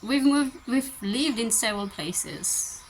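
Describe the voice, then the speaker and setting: A woman in her thirties with a French accent, French native, chatting gently and thoughtfully as she answers viewer questions in a slow-living vlog. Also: fairly high pitch, slight background noise. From France. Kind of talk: casual Q&A chat.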